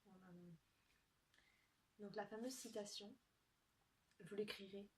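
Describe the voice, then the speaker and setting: A young woman chatting casually to camera as she opens gifts, soft-spoken and giggly, thinking aloud. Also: medium pitch, level tone, a little slow. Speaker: vlogger opening gifts. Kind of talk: casual unboxing chat to camera. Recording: distant mic with faint noise.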